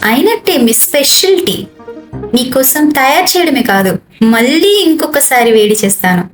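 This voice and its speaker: A woman's voice: sits high, animated, moderate pace, roomy sound, faint music behind. A young woman playing a put-upon daughter-in-law who chats to the audience and turns sweet with a sly edge. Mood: sugary. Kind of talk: amateur family comedy skit.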